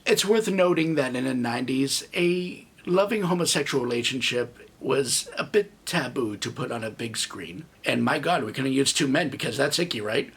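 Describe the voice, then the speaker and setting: A man's voice: medium pitch, expressive, normal speed, few pauses, a bit bright, slightly rough. A man in his thirties giving a comedic movie review with snarky, sarcastic asides. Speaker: film reviewer.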